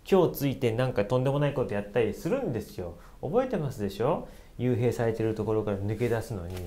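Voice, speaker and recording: Male history teacher, casual lecture, very lively intonation, quick jokes and blunt asides. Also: mid-range voice. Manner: animated, joking, blunt asides.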